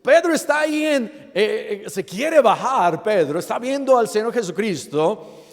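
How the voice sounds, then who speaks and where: A man preaching a sermon as pastor to his congregation, asking them playful rhetorical questions and often pausing with fillers and restarts. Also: high-pitched, animated. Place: church sanctuary. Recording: long reverb of a church hall.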